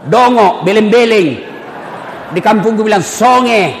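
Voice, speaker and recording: A man's voice: high voice, lively intonation, slow, creaky. A man gives a humorous sermon, joking and bantering with the congregation. His voice rings through an echoey hall with a long reverb and a faint hum behind it. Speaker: preacher.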